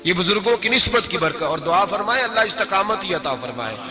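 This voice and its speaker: A man from Pakistan preaching a sermon, telling a story with dramatic delivery. He acts out quoted dialogue with his voice and recites poetry slowly. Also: lively intonation, music in the background. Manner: dramatic, shifts pitch to act out quoted dialogue. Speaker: Islamic preacher.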